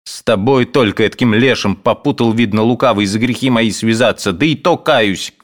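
A man voicing a sharp-tongued woman housekeeper who scolds and snaps. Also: on the low side, normal speed, natural voice. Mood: snapping. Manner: scolding, snapping.

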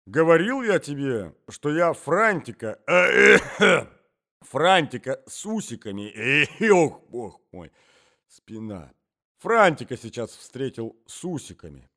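A man's voice: mid-range voice, big pitch swings, a little slow, fairly bright tone, pitched above the performer's own voice. A man voicing a doddering, fussy old husband who talks in a sing-song way and breaks into coughing fits. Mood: fussing. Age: older.

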